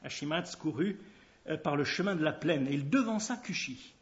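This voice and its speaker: A man reading scripture aloud at a steady pace, with occasional hesitations. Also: on the high side, normal speed. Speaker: reader. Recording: dull lo-fi recording.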